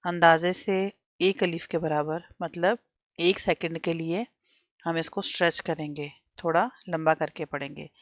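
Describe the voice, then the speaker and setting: धीमी, धैर्यवान महिला शिक्षिका. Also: female voice, low voice, fairly even intonation, measured pace, no room sound. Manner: patient, drills learners with repetition and questions. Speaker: Quran teacher. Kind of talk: slow, repetitive teaching of letter sounds.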